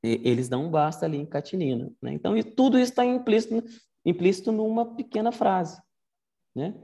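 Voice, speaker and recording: This Latin teacher's voice sits high and warm, with lively intonation, a brisk pace, and some vocal fry. He runs a laid-back online class, moving step by step and regularly asking "né?".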